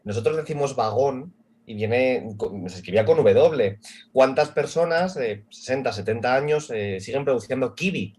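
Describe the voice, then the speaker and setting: A man's voice: mid-range voice, expressive, normal speed, a little mellow, slightly rough. A man explaining his point in a casual panel discussion, in a colloquial way. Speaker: panel guest.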